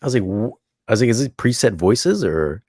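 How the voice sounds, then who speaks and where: A man's voice: fairly low pitch, expressive, brisk, darkish tone, dry recording, studio quality. A man co-hosting a casual live chat, laid-back and teasing, speaking easily. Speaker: co-host.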